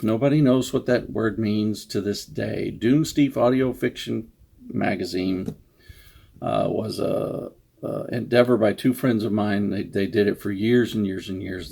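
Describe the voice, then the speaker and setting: Speaking in a low, gravelly, dark-toned voice, an author offers an offhand, unscripted introduction to his story. He rambles and pokes fun at himself along the way.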